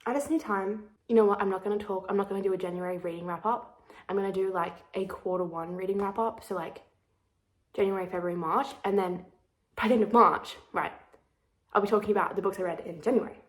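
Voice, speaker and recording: In a rough recording, a nearly-20-year-old woman of about 19 talks fast in a steady, medium-pitched voice. She's a vlogger giving a casual, confessional chat to camera, dramatic and rambling, with plenty of self-deprecation.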